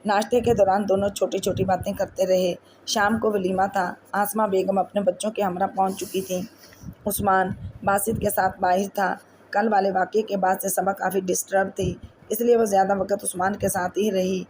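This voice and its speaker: A woman narrating a romance novel in a steady, even audiobook reading. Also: medium pitch, a little hiss or hum.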